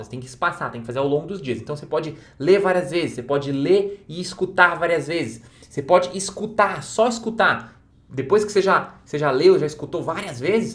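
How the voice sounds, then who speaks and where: Brazilian guy teaching english online, a bit high pitched, keeps repeating stuff to make it stick. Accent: Brazilian Portuguese. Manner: repetitive, encouraging, addresses viewers directly. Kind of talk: online course lesson.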